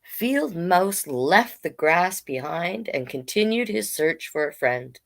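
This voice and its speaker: A drag king storyteller with a slow, sing-song voice on the low side, creaky in texture, hosts a storytime. She reads picture books aloud informally, tossing in chatty remarks as she reads.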